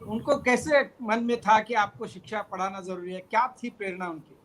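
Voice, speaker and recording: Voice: mid-range voice, normal speed, rough recording. An interviewer who asks long, polite questions and praises the guest.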